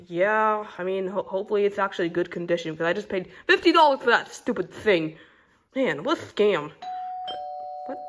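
A woman's voice: mid-range voice, lively intonation, moderate pace, natural voice. A woman voicing Sylvester, a stingy male caretaker in a plush toy video, who grumbles and stammers a lot. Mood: grumbling.

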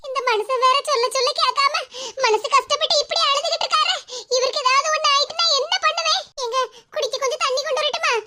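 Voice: very high-pitched, fast talker. A voice actor playing a worried middle-aged aunt in a cartoon, talking in a fretful, pleading way with a Kanyakumari Tamil accent. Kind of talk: cartoon voice acting. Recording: loud background noise.

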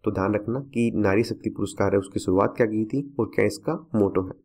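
A man's voice: lowish voice, level tone, quick pace, darkish tone. A man teaching a current affairs lesson for exam students, repeating key facts to remember.

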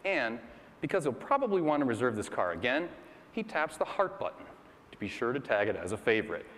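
A man narrating a product demo on a keynote stage in a lively, scripted way. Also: medium pitch, brisk, a little hiss or hum. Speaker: guest presenter. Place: large conference hall stage. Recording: large hall with audience murmur.

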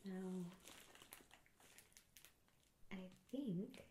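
Soft-spoken young woman, slow ASMR unboxing. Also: medium pitch, roomy sound, a little hiss or hum. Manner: soft-spoken, slips into whispers, tries hard at foreign words. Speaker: ASMR creator.

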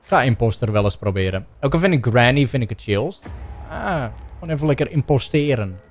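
Excitable young Dutch man gaming. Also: brisk, faint music behind. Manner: shouty, playful, bursts into silly high yelps. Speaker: gaming YouTuber. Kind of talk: excitable gameplay commentary.

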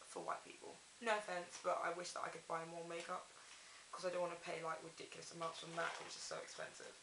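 Young female vlogger, casual and rambling, self-correcting; echoey small room, faint hiss on camera mic. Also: lowish voice. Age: young adult. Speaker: haul vlogger. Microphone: camera mic at arm's length. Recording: echoey bathroom, audible hiss.

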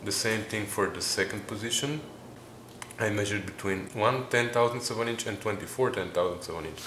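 A man narrates a workshop tutorial. He works through numbers methodically, with pauses and fillers. Faint ambient noise sits behind him in the garage. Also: lowish voice, a bit bright. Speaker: home mechanic explaining engine measurements.

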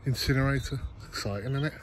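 A man's voice: medium pitch, rapid-fire, low-quality recording. A man in his thirties vlogging casually from an outdoor allotment garden, rambling and joking at himself with plenty of ums. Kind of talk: casual self-deprecating vlog. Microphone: phone camera held close. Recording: outdoor noise behind the voice.

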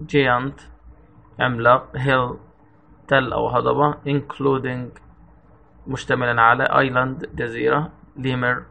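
A man teaching English vocabulary in an Egyptian Arabic accent, reading each English word and then giving its meaning in a steady, methodical way. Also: medium pitch, vocal fry, a little hiss or hum, poor audio.

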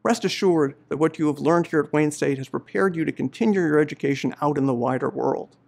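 A middle-aged man, a law professor, giving a measured, earnest commencement address on behalf of the faculty. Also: fairly high pitch, gravelly, darkish tone. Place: indoor studio before a university banner.

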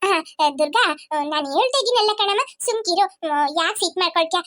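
A woman's voice: extremely high pitch, animated, a little fast, fairly bright tone. A woman voicing an anxious mother in a cartoon, pleading and soothing her upset family, with music behind. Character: anxious middle-aged mother pleading for calm. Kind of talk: cartoon voice acting. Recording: cartoon dialogue over music.

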